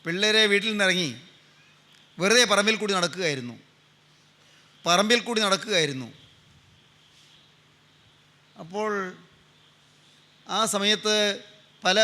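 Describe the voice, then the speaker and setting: A man's voice: sits high, measured pace, long pauses, pushed and bright. An older man preaching a sermon with a Malayali accent, telling a story fervently and repeating phrases in a pleading way.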